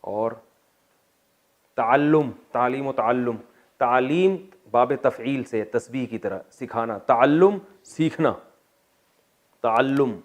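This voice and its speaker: A man with a Pakistani accent teaches a classroom lecture on Arabic grammar for the Quran. He spells out word forms slowly and deliberately, then slips into quick, joking asides to his students. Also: mid-range voice. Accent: Pakistani Urdu. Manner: jokes with students.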